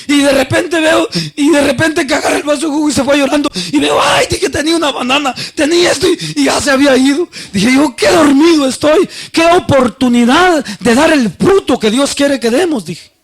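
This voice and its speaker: A man preaching a sermon, telling a personal story and acting out the voices he quotes, swinging between loud and soft. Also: extremely high pitch, brisk.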